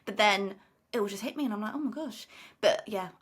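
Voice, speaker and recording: A woman in her twenties hosting a podcast interview, talking in a chatty, animated way and acting out her friends' reactions. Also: mid-range voice, fast. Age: 20s. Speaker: podcast host. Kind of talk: casual conversational interview.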